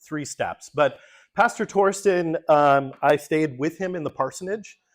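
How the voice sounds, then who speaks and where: A pastor with a voice on the high side talks casually at a measured pace through a slide presentation at a church forum. He is a native English speaker, relaxed, and says um and uh a lot.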